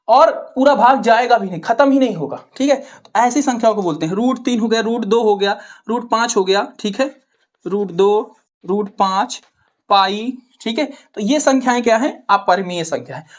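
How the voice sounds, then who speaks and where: A woman's voice: a little high, moderate pace. A woman with a Hindi accent from Uttar Pradesh teaching maths. She asks questions, answers them herself and keeps checking with "ठीक है". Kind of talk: classroom-style explanation to students.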